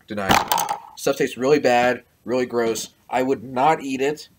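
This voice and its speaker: A man's voice: mid-range voice, measured pace, noisy background. A young man vlogging a taste test, talking bluntly with his mouth full of popcorn. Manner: blunt, grossed-out reactions. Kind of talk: casual taste-test commentary.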